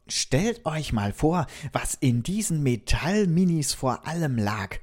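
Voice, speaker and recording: A man's voice: fairly high pitch, slow, exaggerated voice. A man voicing a friendly, curious robot from another planet, telling a children's story and asking the kids questions. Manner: lively, talks directly to the kids with questions.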